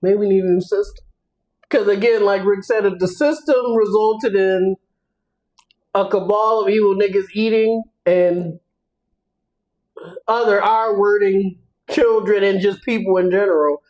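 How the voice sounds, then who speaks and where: A man's voice: high voice, fairly even intonation, measured pace, a little mellow, rough recording. A man co-hosting a podcast in casual chat, blunt and profane, often laughing as he talks. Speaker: podcast co-host.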